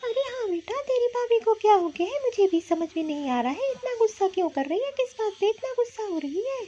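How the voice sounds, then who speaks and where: Gentle old saas in a cartoon, soft lower voice, kinda dull lo-fi sound. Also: female voice, expressive, brisk. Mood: soothing. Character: older mother-in-law, gentle and peacemaking. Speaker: mother-in-law. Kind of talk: cartoon voice acting.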